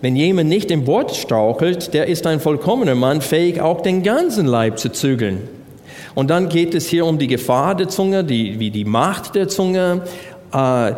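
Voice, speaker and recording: Working through Bible verses in a sermon, a man with a medium-pitched, darkish voice puts rhetorical questions to his congregation, heard with long hall reverb.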